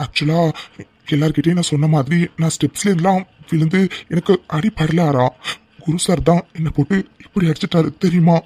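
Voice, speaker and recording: A scheming young man student in a cartoon serial, voiced by a man, smug and two-faced. His voice is slightly high and husky, recorded dry and close, as he boasts of his plots in a sly, self-satisfied way. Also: steady tone, brisk, darkish tone, no echo. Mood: fake pleading. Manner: boastful scheming, turns falsely pleading.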